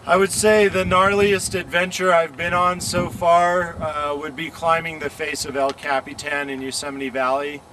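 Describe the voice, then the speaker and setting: A man's voice: on the high side, little pitch movement, normal speed, hardly any pauses, pushed and bright. A man from the Lake Tahoe area of California, talking casually as an extreme sports athlete being interviewed outdoors, rambling with slang and lots of fillers. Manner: rambling, laid-back, surfer slang with many fillers. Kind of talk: casual chat. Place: outdoors beside a motorcycle. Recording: noisy outdoor recording with traffic.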